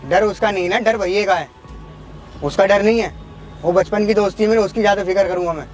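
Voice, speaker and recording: A man's voice: high voice, soft background music, close to an everyday voice. A man acting a guilty younger brother-in-law who pleads and begs forgiveness in a staged outdoor skit. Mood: defensive. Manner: pleading, quick and flustered. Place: outdoors in a park.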